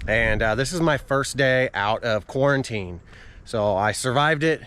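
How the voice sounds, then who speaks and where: A man's voice: medium pitch, unhurried, a bit bright, a little hiss or hum. A man talking casually to his viewers as a running vlogger while out on a walk outdoors. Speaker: running vlogger and channel host. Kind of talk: casual vlog talk to camera.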